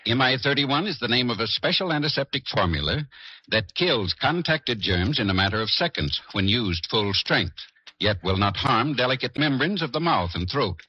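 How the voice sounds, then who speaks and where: A man reading a scripted commercial in a measured, formal way, heard as an old 1950 radio broadcast. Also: medium pitch, sing-song, pushed and bright, husky, no room sound. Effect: old 1950 radio broadcast sound. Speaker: radio announcer. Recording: lo-fi archival radio recording.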